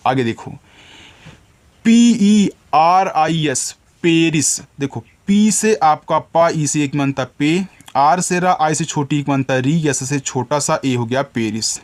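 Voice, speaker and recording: A male teacher giving a spelling lesson, sounding words out letter by letter and addressing his viewers as children. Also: fairly high pitch.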